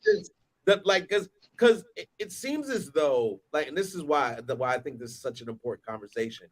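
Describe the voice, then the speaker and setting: A man co-hosting a casual panel talk, animated and rambling, with lots of restarts. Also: fairly high pitch, normal speed, poor audio. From United States. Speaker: podcast co-host.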